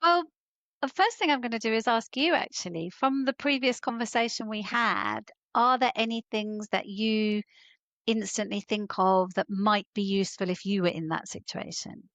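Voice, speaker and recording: A woman guest on a podcast who explains parenting advice calmly and fluently. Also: medium pitch, normal speed, dry recording. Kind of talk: explanatory interview answers.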